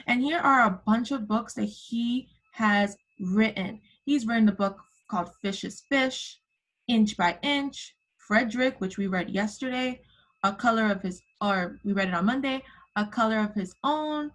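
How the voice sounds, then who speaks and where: A kindergarten teacher with a slightly high, somewhat bright voice speaks at a measured pace during an interactive online lesson. Using a computer microphone on a video call, she urges young children on with simple prompts and endearments.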